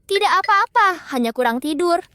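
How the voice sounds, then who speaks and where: A high-voiced young empress. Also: female voice, expressive, normal speed, pushed and bright, full character voice. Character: young empress, wry and composed. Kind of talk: Indonesian drama dub.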